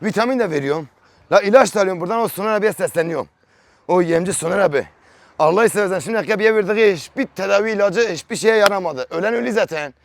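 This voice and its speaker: A man filming a casual farm vlog, barking short sharp commands at a dog and grumbling bluntly between them, outdoors on a farm. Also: sits high, fast talker, creaky, no room sound. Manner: blunt, grumbling colloquial talk. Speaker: dog trainer and farm vlogger.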